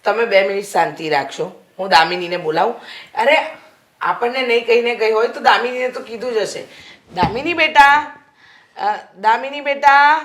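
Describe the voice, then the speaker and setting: A woman playing a calming, placating mother. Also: mid-range voice, fairly quick, natural voice. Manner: soothing, placating. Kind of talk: Gujarati film acting.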